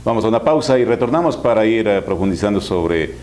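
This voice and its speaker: A man's voice: fairly low pitch, animated, fast talker, darkish tone. A man presenting formally as a television interview host.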